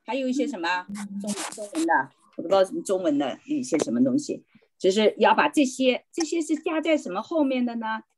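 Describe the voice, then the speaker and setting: A woman's voice: medium pitch, big pitch swings, fast, darkish tone, a little hiss or hum. A woman teaching a beginner language class over a video call, patiently correcting pronunciation and checking that students follow. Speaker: volunteer Spanish teacher.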